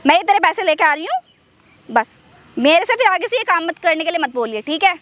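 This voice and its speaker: A young woman acting out phone calls in a skit, scolding and pleading by turns in quick emotional outbursts. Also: very high-pitched, big pitch swings, fairly bright tone, slight background noise. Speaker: skit performer. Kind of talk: acted phone-call skit.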